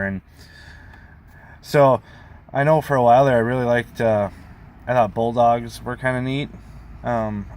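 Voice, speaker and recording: A man talks casually in a rambling hobby vlog, drifting from one half-finished sentence to the next. His voice sits at an average male pitch. A faint vehicle-like noise runs behind him. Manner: informal, meandering, trailing sentences. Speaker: pipe hobbyist vlogger.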